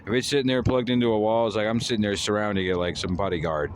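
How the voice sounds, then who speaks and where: A man's voice: on the low side, fairly even intonation, fast, a little hiss or hum. Man ranting and lecturing. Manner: lecturing, scolding, repetitive. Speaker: vlogger. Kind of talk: rambling comic rant.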